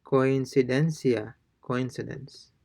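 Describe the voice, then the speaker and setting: A man's voice: medium pitch, fairly even intonation, slow pace, creaky, warm tone. A man teaching a casual language lesson, hesitant, with many fillers and restarts. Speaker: Spanish teacher.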